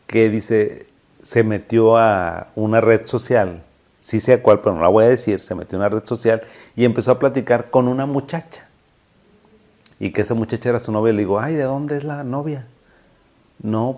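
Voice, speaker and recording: Lively Mexican doctor with a lowish voice. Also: male voice. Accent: Mexican Spanish. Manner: animated storytelling, acting out both sides of a conversation. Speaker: psychiatrist. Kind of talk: casual explanatory talk.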